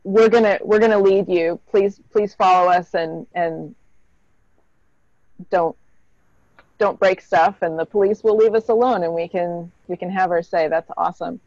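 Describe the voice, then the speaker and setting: Low-voiced woman hosting an online town hall. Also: fairly even intonation, a little mellow, highs cut off. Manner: earnest, with some halting restarts. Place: small indoor room. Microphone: webcam on a video call.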